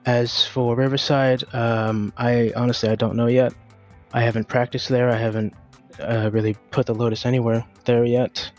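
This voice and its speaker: A racing driver, out of breath, answering post-race interview questions in a candid, hesitant way with many fillers. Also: male voice, mid-range voice, flat delivery, moderate pace, darkish tone, dull audio, faint music behind.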